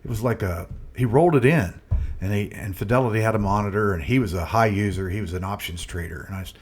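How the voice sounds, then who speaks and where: A man's voice: fairly low pitch, fast, husky. An older man hosting an investment video, telling stories in a folksy, rambling, self-deprecating way about the markets. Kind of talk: casual market commentary with storytelling.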